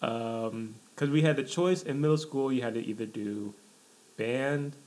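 A young man hosting a casual podcast chat, telling stories in a relaxed way with frequent laughs. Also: medium pitch, measured pace. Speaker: podcast host.

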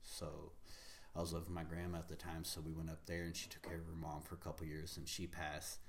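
A man's voice: very deep voice, completely flat delivery, fast talker, a little hiss or hum. An American man from the Pacific Northwest telling personal stories in casual conversation, candid, slangy and profane. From United States, Pacific Northwest. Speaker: guest.

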